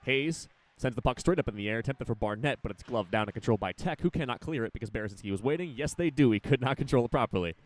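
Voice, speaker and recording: A young man calling live college hockey play-by-play, rattling off passes and rising in excitement on shots. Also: mid-range voice. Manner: rapid, rising excitement on big plays. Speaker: play-by-play announcer.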